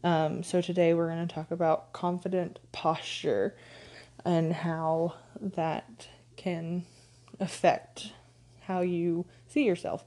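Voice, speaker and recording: A woman with a stuffed-up nose hosts her own coaching podcast in a relaxed, chatty way. Her voice sits a little low and sounds mellow. She fills pauses with ums and small laughs. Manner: conversational, frequent ums, light laughs. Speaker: podcast host, confidence coach. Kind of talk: casual solo podcast talk.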